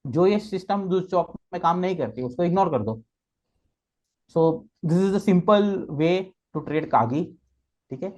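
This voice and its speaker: A trading guest expert gives an explanatory walkthrough of charts, going step by step in a blend of Hindi and English and checking in with frequent "okay"s. His voice is high, expressive and a little mellow, and he takes his time. The sound is lo-fi.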